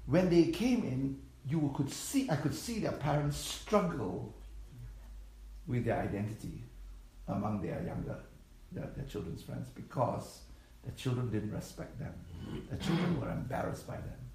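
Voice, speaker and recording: A man's voice: mid-range voice, animated, measured pace, dark tone. A pastor in his late fifties from Malaysia, preaches in a chatty, personal way and keeps asking the listeners questions. His voice rings out in an echoey church hall. A faint hum sits underneath. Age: 50s. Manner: conversational preaching with audience questions. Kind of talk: sermon.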